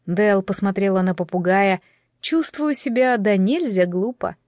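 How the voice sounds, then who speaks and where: A woman's voice: mid-range voice, measured pace, a little mellow, dry recording. Dry-voiced woman narrating a story. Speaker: audiobook narrator. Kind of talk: scripted narration.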